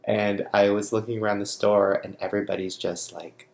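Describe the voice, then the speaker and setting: A young man vlogs straight to the camera in a blunt, swearing, rambling way, raw with grief. His voice sits fairly low with a gravelly edge, and a roomy echo hangs around it. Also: little pitch movement, normal speed, a little mellow. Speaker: vlogger. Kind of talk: unscripted confessional monologue to camera.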